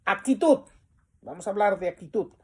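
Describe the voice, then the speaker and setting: A man teaching a Bible lesson, reading definitions from the text and explaining them with pauses and the filler "este". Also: high voice, lively intonation, breathy edge.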